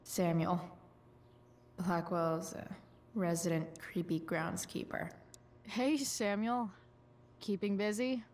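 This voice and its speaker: A rebellious punk teenage girl in a video game. Her voice is fairly low and unhurried, with a dry, sardonic drawl. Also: fairly even intonation, a little mellow. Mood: wry. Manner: dry, sarcastic, hesitant drawl.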